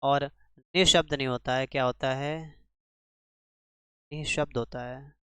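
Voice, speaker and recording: Taking his time, a man with a steady, medium-pitched, fairly bright voice teaches an exam-prep spelling lesson in clean studio sound with no room noise. Rhetorical questions drive his quizzing of the class, and he repeats each answer aloud.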